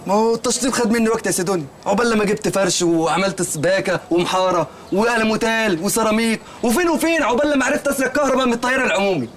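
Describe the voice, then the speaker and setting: A man's voice: high voice, racing, few pauses, a little hiss or hum, lightly acted. An actor playing a naive, earnest male shopkeeper in a comedy film, speaking with an Egyptian accent and telling rambling, literal-minded stories. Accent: Egyptian Arabic.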